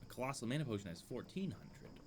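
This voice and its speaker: This game streamer talks fast in a mid-range voice with big swings in pitch, casually narrating his play with dry amusement as he thinks aloud. He leans away from his desk microphone at times, and there's background noise behind him.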